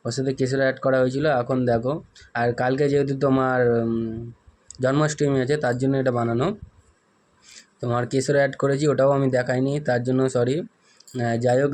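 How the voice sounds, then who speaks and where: Hoarse man hosting a home cooking video. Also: mid-range voice, darkish tone, slight background noise. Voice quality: husky. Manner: chatty, rambling, often apologizes for skipped steps. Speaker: home cooking channel host. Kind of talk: casual cooking demonstration.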